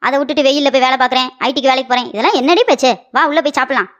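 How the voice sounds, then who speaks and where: Woman doing a scolding shrill mother-in-law. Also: fairly bright tone. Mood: lecturing. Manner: rapid scolding and mocking. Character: scolding sharp-tongued middle-aged mother-in-law. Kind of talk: cartoon comedy voice acting.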